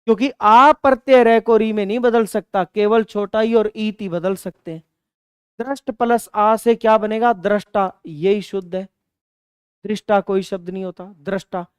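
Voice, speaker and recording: A man's voice: sits high, fairly even intonation, moderate pace, clean tone, no room sound, studio quality. A man teaching an online exam-prep grammar lesson. He asks his own questions, answers them, and repeats and stresses key words.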